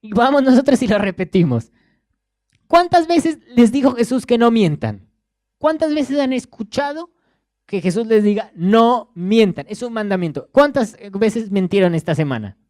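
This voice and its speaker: A man's voice: extremely high pitch, big pitch swings, moderate pace, darkish tone, no room sound, studio quality. A young man in his twenties with a Rioplatense accent, preaching a sermon in a conversational way and often repeating words as he searches for the next one. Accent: Rioplatense Spanish. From Argentina.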